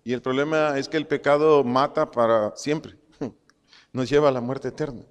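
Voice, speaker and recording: A man's voice: medium pitch, fairly even intonation, normal speed, clear, resonant tone, long reverb tail. A man teaching a Bible study, asking questions and answering them himself, repeating key phrases and spelling out Greek words.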